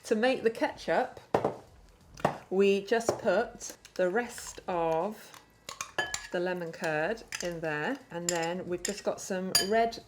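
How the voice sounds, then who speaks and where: A woman's voice: on the low side, takes it slowly, very noisy. A woman hosting a baking show, chatting casually and explaining each step with easy laughs. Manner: chatty, explains steps while laughing along. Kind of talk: casual baking demonstration chat.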